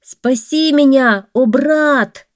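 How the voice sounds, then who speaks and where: A woman voicing a desperate man trapped in a well, pleading loudly in a raised voice. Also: high voice, very slow, no room sound, studio quality, pitched above the performer's own voice.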